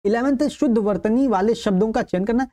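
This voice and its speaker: A woman's voice: fairly high pitch, a little fast, dark tone. A woman teaching an online exam-prep lesson. She calls her viewers friends, repeats each answer and keeps checking with "okay". She keeps flagging points as important to remember. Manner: stresses what is important and tells viewers to keep it in mind.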